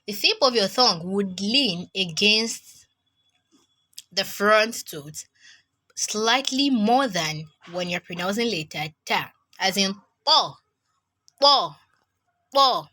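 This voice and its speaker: A woman's voice: mid-range voice, pushed and bright. A woman teaching Quran recitation in an online lesson, patiently repeating each letter sound several times to demonstrate it.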